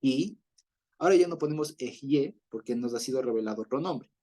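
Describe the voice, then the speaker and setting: A man's voice: mid-range voice, lively intonation, fairly quick, mellow. A man teaching an online Bible class over a video call, explaining patiently, often checking in with listeners and chuckling as he goes.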